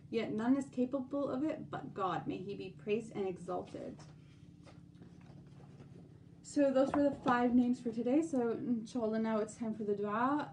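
A woman hosting a religious lesson podcast, gently explaining and reading translations and prayers aloud. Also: on the high side, far from the mic, background noise. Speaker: podcast host.

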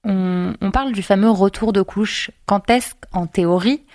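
A woman's voice: mid-range voice, moderate pace, a little mellow, no echo. Woman hosting, close dry sound. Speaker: host. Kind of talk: casual talk show interviewing.

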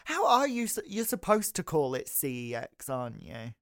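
A man's voice: fairly high pitch, huge pitch swings, normal speed, fairly bright tone, no room sound, studio quality. A young British man co-hosting a casual comic podcast, chatting in a rambling, enthusiastic, giggly way. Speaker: podcast co-host.

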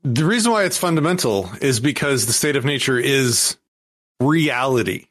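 A man's voice: mid-range voice, expressive, moderate pace, a bit bright. A man who is a guest on a podcast, explaining a topic in a rambling way with frequent restarts. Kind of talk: casual podcast conversation.

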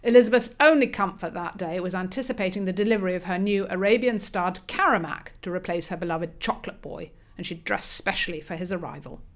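A woman narrating a comic audiobook with brisk, crisp storytelling. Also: lowish voice.

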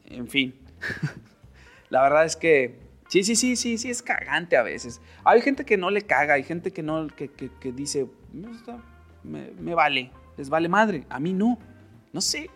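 Northern Mexican (Monterrey) male podcast host, opinionated, chatty, laughs often, slightly high voice, faint music bed. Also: big pitch swings, a little slow, fairly bright tone, husky. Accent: Monterrey Mexican Spanish. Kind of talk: casual solo podcast monologue.

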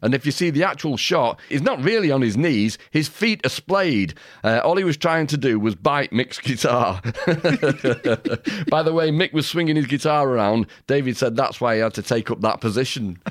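A man's voice: medium pitch, animated, moderate pace, no echo, studio quality. A man co-hosting a podcast, chatting casually, laughing often and reading quotes aloud. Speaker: podcast co-host.

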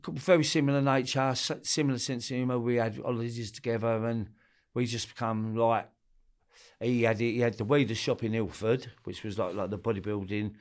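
A man's voice: medium pitch, steady tone, fairly quick. A middle-aged man with an Essex and East London accent, talking casually as an interview guest, blunt, slangy and sweary as he tells stories. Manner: blunt, slangy and sweary, with repeated tag questions. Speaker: interview guest recalling his past in club door security. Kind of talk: casual conversational storytelling.

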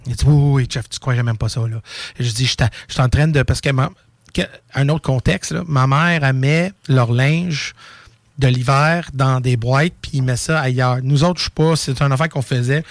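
A man with a Québécois French accent hosting a call-in show, telling a story in an animated, excitable way. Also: medium pitch, moderate pace, no echo. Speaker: radio show host. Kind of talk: casual storytelling and call-in chat.

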